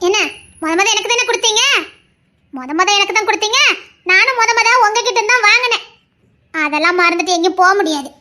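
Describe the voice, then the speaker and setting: A woman's voice: very high-pitched, quick pace, long pauses, bright, forceful tone. A woman voicing a stubborn, loving young wife in an audio drama, talking earnestly and insistently. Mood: devoted, pleading.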